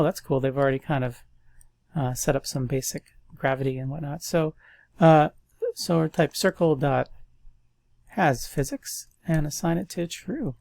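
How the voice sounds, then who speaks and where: In a casual screen-recorded coding walkthrough, a man with a stuffy nose thinks aloud in a relaxed, chatty way. His voice is a little high and creaky, with no room sound.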